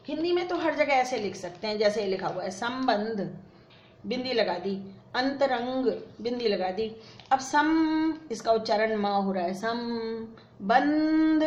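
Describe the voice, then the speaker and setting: A woman's voice: on the high side, a little mellow. A woman teaching a Sanskrit lesson, patiently explaining and repeating word forms in drills, dropping English words into her explanations. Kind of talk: classroom lesson at a board. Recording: echoey room, dull lo-fi sound, faint noise.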